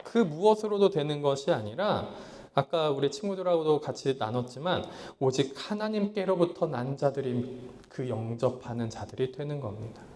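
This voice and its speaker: A man preaching a sermon as pastor, swinging between loud pleading lines and low hushed ones, acting out his own past thoughts in quotes. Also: normal speed. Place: small church hall.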